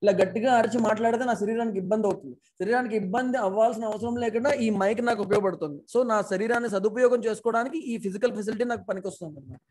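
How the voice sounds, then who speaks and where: A man's voice: high voice, quick pace, hardly any pauses, darkish tone, a little hiss or hum, poor audio. A man lecturing to an online class through a laptop mic, mixing English phrases into his talk and posing rhetorical questions. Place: speaking remotely to an online class. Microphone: external mic plugged into a laptop.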